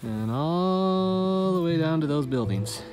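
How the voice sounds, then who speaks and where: A man farmer hosting a ride-along, walking through his field and explaining the work in a relaxed way, with many ums and restarts. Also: a little high, slow, over loud music. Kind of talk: casual walkthrough narration. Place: outdoors in a farm field. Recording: loud outdoor ambience with vehicle noise.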